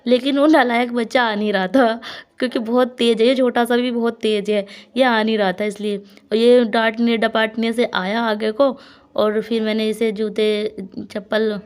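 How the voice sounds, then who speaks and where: A woman's voice: fairly high pitch, level tone, normal speed, clear, resonant tone. A young woman from India narrating her family vlog in a chatty, casual way, laughing now and then. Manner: chatty, laughs often, talks warmly to her small children. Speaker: vlogger and mother.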